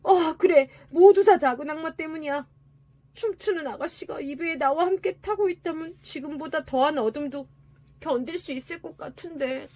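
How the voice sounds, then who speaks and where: A woman's voice: high voice, moderate pace, warm tone, pitched above the performer's own voice, close to an everyday voice. Woman voicing a lonely one-legged tin soldier. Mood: wistful. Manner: wistful inner musing. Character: brave one-legged male tin soldier, stoic and lovesick.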